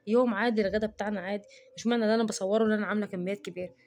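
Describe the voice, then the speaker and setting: A woman's voice: medium pitch, steady tone, rapid-fire, a little mellow, a little hiss or hum. A woman with an Egyptian Arabic accent, talking to camera in a casual cooking vlog and defending herself in an indignant rant. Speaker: cooking vlogger.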